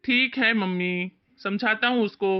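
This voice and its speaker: A woman's voice: medium pitch, a little slow, smooth, pitched below the performer's own voice, close to an everyday voice. A woman voicing a stubborn young husband who speaks curtly and scolds his wife, in an amateur family skit. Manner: curt and scolding. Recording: dull, muffled lo-fi recording.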